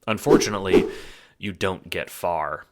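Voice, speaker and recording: Speaking at a normal pace in a low register, this male narrator and producer tells a scripted story addressed to "you" with dramatic flair. The recording is very noisy, with music running under his voice.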